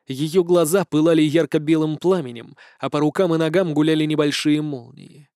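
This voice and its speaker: Guy reading an audiobook, sardonic n expressive, bit high voice, dry close mic. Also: moderate pace, smooth, no room sound. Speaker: audiobook narrator. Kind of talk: scripted first-person narration.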